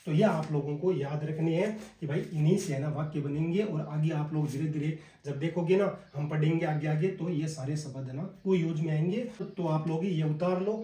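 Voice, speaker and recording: A man with a Hindi accent teaching a casual spoken lesson, drilling words slowly one by one and calling his viewers brother. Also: fairly high pitch, dark tone. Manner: slow and repetitive, drilling words one by one, addresses viewers as "bhai". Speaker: language teacher. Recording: echoey room, voice a bit far from the mic.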